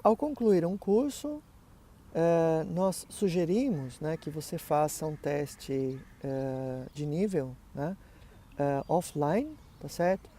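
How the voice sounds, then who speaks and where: Speaking slowly in a mellow, fairly high-pitched voice, this middle-aged man sounds expressive as he describes how his online German courses run. His talk is casual and full of fillers and tag questions, and Portuguese is his native language.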